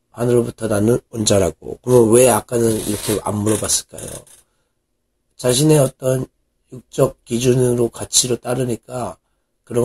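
A man, a pastor, giving a Bible English reading lesson, reading verses slowly and asking and answering his own questions. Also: medium pitch, a little mellow, breathy edge. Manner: asks questions and answers them himself.

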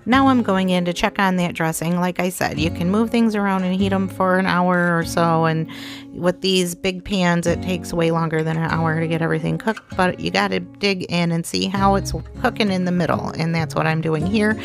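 A woman hosting a home cooking channel narrates her dishes in a chatty, homey, cook-along style, with small laughs. Her voice sits on the low side with vocal fry, fairly even intonation and a moderate pace, and music plays underneath.

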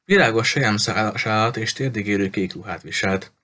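Low-voiced man reading an audiobook. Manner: steady storytelling. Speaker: audiobook narrator.

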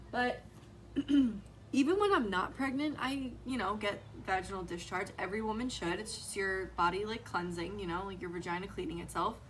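A young adult woman, a pregnant mother who vlogs, speaks casually to the camera. She's frank and reassuring and says "like" a lot. Her mid-range voice comes through a low-quality recording with a little hiss or hum.

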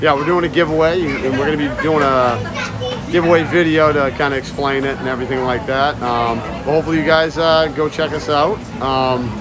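Walking around with his phone in hand, a man live-streams and chats loudly and casually with viewers and chat, starting outside in a bustling shopping area before heading indoors. He speaks briskly in a highish, steady tone, with crowd noise filling the phone audio.

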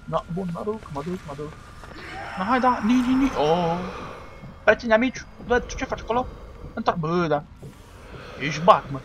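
Excitable high-voiced gamer. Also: male voice, long pauses, background noise. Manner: excitable, shouts and trash-talks at enemies. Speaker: gaming video host. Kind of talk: let's play commentary.

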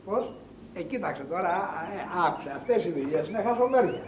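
An actor playing a smooth-talking, scheming professional false witness who haggles persuasively. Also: male voice, sits high, lively intonation, slight background noise. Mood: haggling. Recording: roomy 1980s film soundtrack.

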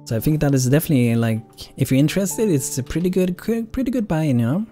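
Man doing casual game streaming, mellow tone. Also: on the high side, expressive, fast, faint music behind. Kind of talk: casual live gameplay commentary.

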